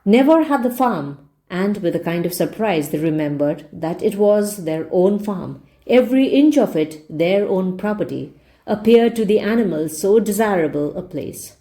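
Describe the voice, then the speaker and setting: Like a read-along English teacher, a woman narrates a story audiobook-style, stopping to explain word meanings as she reads. Her medium-pitched voice is animated, a little slow and dark in tone.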